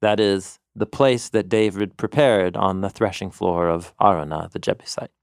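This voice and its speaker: Male co-host, lowish voice, eager teacher explaining scripture, dry close recording. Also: moderate pace, clear, resonant tone, dry recording. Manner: animated explainer, quotes scripture in storytelling voice. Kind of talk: conversational teaching.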